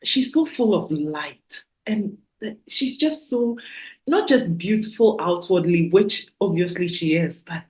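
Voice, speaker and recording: A podcast host gushes to her listeners in a heartfelt, faith-filled way during an effusive interview chat. Her voice is lowish and darkish in tone, animated yet a little slow.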